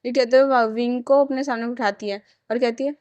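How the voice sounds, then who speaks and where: A woman's voice: a little high, fairly even intonation, a little fast, darkish tone, clean tone, dry recording. A woman casually retelling a romance fan story, talking plainly and often restarting her sentences.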